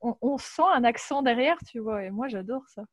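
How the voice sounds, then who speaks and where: A woman's voice: a little high, moderate pace, dry recording. A woman hosting a casual video chat who talks freely and reads out viewer comments. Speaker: host.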